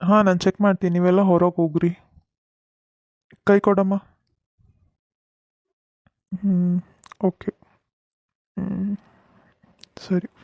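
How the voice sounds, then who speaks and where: A man voicing a calm cartoon doctor, North Karnataka accent. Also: high-pitched, no room sound. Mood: matter-of-fact. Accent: North Karnataka Kannada. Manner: patient, explaining, soothing. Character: calm, reassuring male hospital doctor. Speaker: voice actor. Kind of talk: cartoon comedy voice acting.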